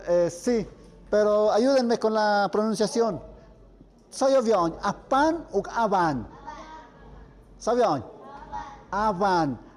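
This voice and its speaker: A man teaching a writing class, speaking slowly and patiently and repeating words so students can pronounce them. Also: sits high, darkish tone, in a large hall. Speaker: language teacher. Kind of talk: classroom lesson.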